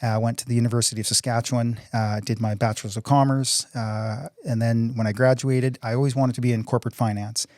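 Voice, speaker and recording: Fast-talking earnest man in his forties. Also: medium pitch, fairly even intonation, darkish tone, no room sound, clean studio sound. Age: 40s. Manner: earnest, upbeat, repeats words while talking. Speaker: guest, city council candidate. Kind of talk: conversational interview answers.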